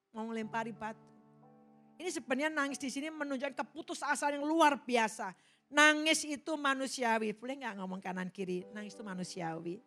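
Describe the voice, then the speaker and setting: A middle-aged woman pastor preaching from the pulpit in a large church, her voice a little high for a woman. She presses her points hard, then drops to quiet asides. Faint music plays behind her. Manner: emphatic, swings from loud exhortation to soft asides. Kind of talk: sermon.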